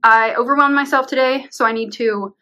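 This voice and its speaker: A young woman with a slightly high voice talks casually to her camera at home, rambling with plenty of "like"s and little laughs. She sounds worn out and sometimes short of breath after a long day of painting. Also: steady tone, fairly quick, bright, forceful tone. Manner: chatty, rambling, uses "like" often, laughs between words. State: tired, out of breath at times. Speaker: vlogger. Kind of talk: casual vlog talk to camera. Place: home bedroom being painted.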